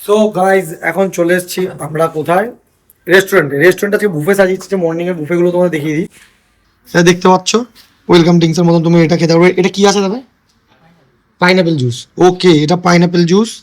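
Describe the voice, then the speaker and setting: A man's voice: high-pitched, steady tone, quick pace, rough recording. A man talking casually to his viewers as he films his trip around a seaside hotel and restaurant on a phone camera. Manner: chatty, addresses viewers directly. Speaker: travel vlogger. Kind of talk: casual travel vlog.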